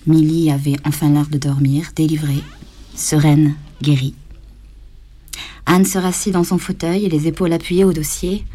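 A woman reading a literary novel aloud in a slow, measured and grave way. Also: sits low, fairly even intonation, dark tone. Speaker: audiobook reader.

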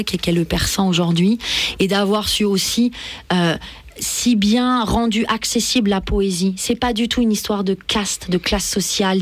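A woman's voice: mid-range voice, no room sound. A woman from Iran, a novelist guest on a radio show, talking in a reflective way with many restarts. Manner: reflective, frequent restarts and fillers. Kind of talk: radio interview. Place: radio studio.

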